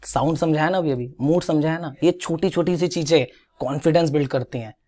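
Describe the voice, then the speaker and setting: A man's voice: on the high side, fairly quick. A young Indian man giving an exam-prep English grammar lesson, coaxing students to repeat words after him and correcting their pronunciation. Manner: animated, coaxing, drills pronunciation with repetition. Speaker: English teacher.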